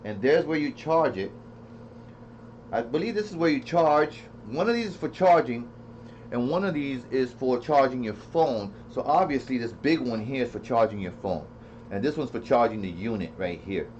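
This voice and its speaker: Thinking aloud and repeating himself, a man rambles through a loose, unscripted product demo as a reviewer. He speaks at a normal speed in a medium, slightly mellow voice with lively intonation. The audio is muffled and lo-fi, with light noise.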